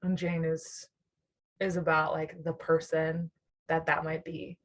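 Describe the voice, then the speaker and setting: A young adult woman from the Southern US, near Nashville, Tennessee, appears as a musician guest on an interview show for a casual chat. She talks in a deep, level voice at a measured pace, rambling reflectively with many fillers and frequent laughs.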